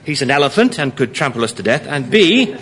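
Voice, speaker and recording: A man's voice: medium pitch, sing-song, brisk, heavy background noise, natural voice. An actor playing a pedantic, wry male army captain who points out logical holes, in a comedic radio play. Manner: dry, logical.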